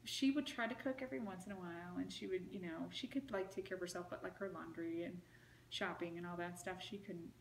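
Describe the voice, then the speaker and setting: A woman's voice: on the low side, fairly even intonation, fast, vocal fry. Rambling woman interviewee in a roomy space. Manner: rambling, frequent "like" and "you know". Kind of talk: casual recounting in an interview. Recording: roomy with faint noise.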